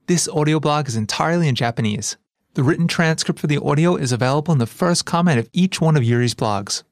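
A man's voice: fairly high pitch, normal speed, dry recording, clean studio sound. A man reading a scripted podcast announcement in a plain, informative way. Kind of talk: scripted promo read.

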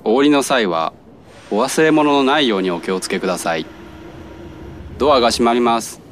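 A man's voice: mid-range voice, lively intonation, moderate pace, a little hiss or hum, natural voice. A man voicing a polite subway conductor who makes formal train announcements in a lesson dialogue. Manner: formal, courteous announcer phrasing.

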